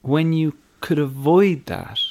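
A man's voice: a little high, lively intonation, slow pace, creaky, background noise. An Irish man chatting casually as a podcast host. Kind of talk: casual chat.

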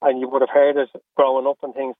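Over a phone-like, narrow-band radio call, this middle-aged Irish-accented man from Australia and Ireland talks frankly and sincerely about personal things as an interview guest. His mid-range voice is completely flat, with no room sound, and he stumbles along, repeating phrases.

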